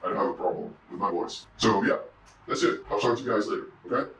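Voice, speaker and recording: Speaking quickly but haltingly, a man who makes indie games and vlogs rambles through a confessional clip from his room, filling it with "you know"s. A voice changer drops his pitch deep. The audio feels distant and roomy, with a faint hum underneath.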